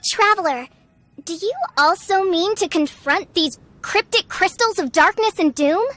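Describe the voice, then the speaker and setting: A woman's voice: very high voice, a little slow, fairly bright tone. A woman playing a haughty young self-styled princess in a video game, declaiming pompously in archaic, theatrical speech. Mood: dramatic. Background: music.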